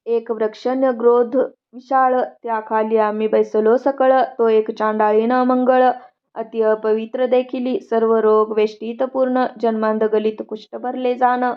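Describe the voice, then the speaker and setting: A woman chanting devotional verses one by one in a steady, measured recitation. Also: fairly high pitch, lo-fi sound. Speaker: devotional scripture reader.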